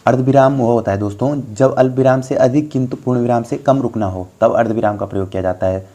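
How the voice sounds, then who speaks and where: A man's voice: medium pitch, fast, mellow. A young man tutoring viewers through a Hindi grammar lesson for exams, explaining patiently and often calling them friends. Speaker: exam tutor.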